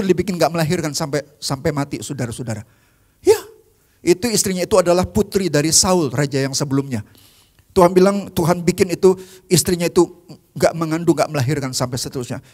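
Preach to a youth service like an animated storyteller: high-voiced, dropping to near-whispers and then rising again, with English phrases tossed in. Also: male voice, quick pace. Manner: animated storytelling, swings from loud to very soft. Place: church.

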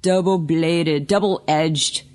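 A woman's voice: low voice, steady tone, drawn-out words, darkish tone, soft background music. A woman co-hosting a casual podcast chat, emphatic and prone to repeating points for stress. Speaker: podcast co-host, witchcraft shop worker.

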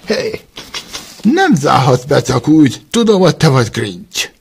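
A man's voice: mid-range voice, very animated, creaky, slightly rough. A man performing in an amateur cartoon, talking in a playful, theatrical way.

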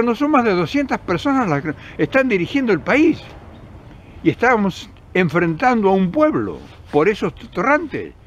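An older Argentine political commentator speaks passionately straight to a close-range camera on a countryside forest path, his voice fairly high. Earnest and emphatic, he gestures with his hands, often restarting and repeating words. The audio sounds dull, with slight background noise.

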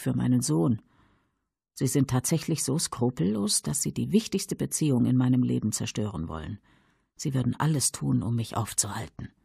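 A man voicing a tense middle-aged mother who pleads and justifies herself urgently, in a husky, creaky voice. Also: mid-range voice, warm tone, dry recording, studio quality, pitched above the performer's own voice. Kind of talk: audiobook character voice.

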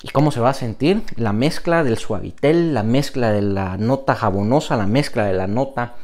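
A young man reviewing fragrances in an enthusiastic vlog, with lively, swinging intonation. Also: mid-range voice, normal speed.

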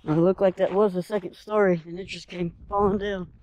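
A man with a dark, mellow voice gives a relaxed, offhand walkthrough while exploring abandoned houses. He talks casually into a handheld camera, with a faint hiss of noise behind him. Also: high-pitched, a little fast, rough recording. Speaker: urban explorer vlogger. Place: outdoors and inside empty abandoned houses.

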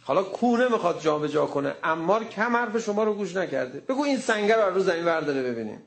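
Picture a group of scornful men raising their voices in a taunt as a preacher puts them on. Their challenge comes out sharply higher and louder than his usual gravelly tone. It is sermon storytelling with a mocking, challenging edge. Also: sing-song, exaggerated voice.

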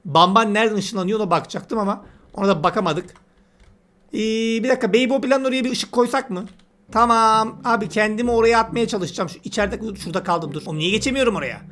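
A man's voice: high-pitched, animated, fast, fairly bright tone. A man giving casual let's-play commentary, chatty and teasing, talking to the game's characters as he plays. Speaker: gameplay commentator.

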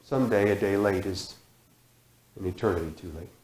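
A man in his thirties preaching a sermon in a church sanctuary, repeating phrases with emphasis and sudden drops to a hush. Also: low voice, a little fast. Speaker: guest preacher. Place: church sanctuary, large indoor room. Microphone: far camera, room mic. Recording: echoey church hall.

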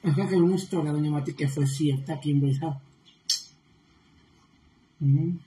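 A woman's voice: low-pitched, fairly even intonation, normal speed, dark tone. Chatty woman livestreaming, echoey room. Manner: chatty, laughing often, gossipy. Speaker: livestream host. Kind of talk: casual livestream chat reading viewer comments. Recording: echoey room with faint noise.

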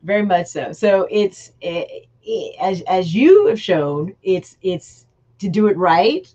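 A woman's voice: fairly low pitch, animated, slow pace, warm tone, muffled recording. A woman, a guest author, talking earnestly and at length in a casual chat over a video call. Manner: earnest, emphatic, explaining at length.

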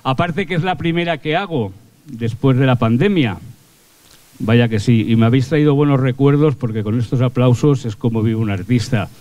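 A man's voice: medium pitch, moderate pace, warm tone, no room sound. An older male stage comedian and singer telling chatty, crude jokes live on a theatre stage with a handheld mic. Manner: chatty, folksy storytelling with crude slang. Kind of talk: live stand-up joke telling.

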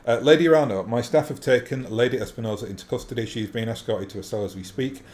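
A man's voice: mid-range voice, fast talker, darkish tone, natural voice. Man doing a grave, courteous noble lord. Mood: formal. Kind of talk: reading game dialogue aloud in character. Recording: faint background noise.

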